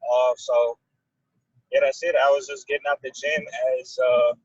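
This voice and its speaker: A man's voice: mid-range voice, little pitch movement, normal speed, breathy edge, no room sound, muffled recording. A young man from Texas introducing himself on a casual video call, laid-back and rambling. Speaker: guest, amateur boxer.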